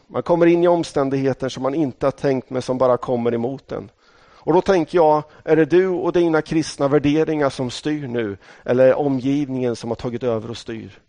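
This middle-aged Swedish man preaches with a slightly high, darkish voice on a dry recording. He tells stories from his own life in a conversational way, addressing the congregation directly.

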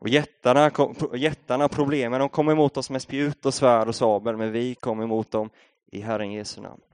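A man's voice: mid-range voice, level tone, a little mellow, smooth, no echo. A young Swedish man preaching a sermon, telling a story in a casual, conversational way before building up to a rousing appeal. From Sweden.

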